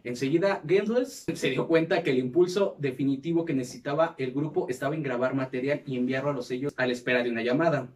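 A man's voice: medium pitch, fast, hardly any pauses, far from the mic. A man with a Mexican accent, hosting a casual podcast and telling a band's history, with heavy slang and crude banter. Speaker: podcast host. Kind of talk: casual chat, reading history.

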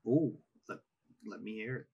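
A man's voice: fairly low pitch, moderate pace, husky, muffled recording. A man co-hosting a fantasy football podcast, chatting casually, hedging his takes and putting questions to his co-host. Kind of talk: casual chat.

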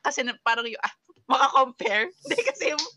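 A woman podcast host who listens softly in casual chat. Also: high voice, sing-song, very noisy. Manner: soft listener, brisk upbeat ad read.

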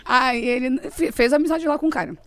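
A young Brazilian woman telling a story in casual chat as a guest, animated and laughing often. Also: high-pitched, brisk, no room sound.

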